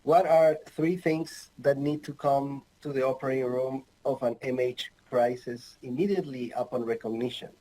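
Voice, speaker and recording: A mellow-voiced anesthesiologist from Ecuador gives a recorded online medical lecture from a home office lined with bookshelves. His medium-pitched delivery is fairly even in intonation, halting and full of fillers, with light humor. The recording quality is low.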